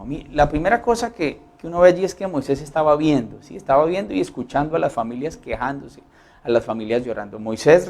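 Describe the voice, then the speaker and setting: A man's voice: a little high, darkish tone. A male pastor with a Colombian accent preaching a Sunday sermon, earnestly acting out the complaints and prayers he quotes. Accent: Colombian Spanish.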